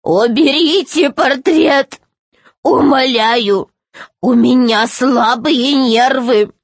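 A woman doing a slow husky old gnome. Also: high-pitched, no echo, pitched above the performer's own voice, heavily acted. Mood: pleading. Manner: slow, drawn-out speech. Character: very old male gnome, timid and fretful.

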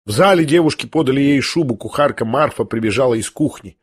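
A man narrating a classic novel in an expressive, dramatic reading. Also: medium pitch, quick pace, husky. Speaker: audiobook narrator. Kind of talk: scripted literary narration.

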